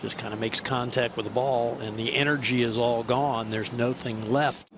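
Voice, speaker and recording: Male golf analyst with loud outdoor background. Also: mid-range voice, steady tone, normal speed, heavy background noise. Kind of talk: conversational golf analysis commentary. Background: loud outdoor ambience.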